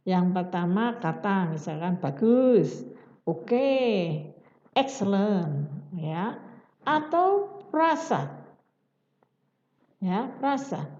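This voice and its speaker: Slow mellow-voiced woman lecturing. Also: medium pitch, very animated. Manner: explanatory, acts out example teacher lines. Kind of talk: recorded lecture on teaching skills. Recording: dull roomy recording.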